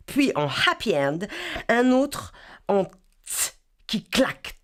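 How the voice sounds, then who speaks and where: Low-voiced woman reading a wry story. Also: creaky, darkish tone. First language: French. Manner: wry, playful, mimes accents and sounds. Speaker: reader of a humorous column. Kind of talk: humorous first-person read chronicle.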